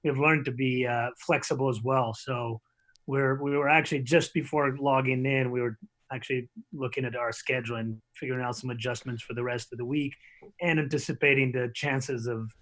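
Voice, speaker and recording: Man from portugal, soccer coach guest, hesitant fillers, mid pitch, remote call. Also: steady tone, fairly quick, a bit bright, rough recording. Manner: thoughtful, hesitant with many fillers. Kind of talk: interview answers.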